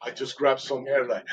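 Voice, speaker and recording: A man's voice: medium pitch, fairly bright tone, lo-fi sound, slight background noise. A man, a podcast guest, telling his personal story in an earnest, emotional way and often restarting his sentences.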